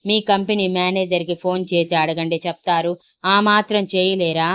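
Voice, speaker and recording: A woman's voice: lowish voice, fairly even intonation, moderate pace, fairly bright tone, clear, resonant tone, close to an everyday voice. A woman voicing a wronged young wife who speaks in an indignant, insistent way. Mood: pleading.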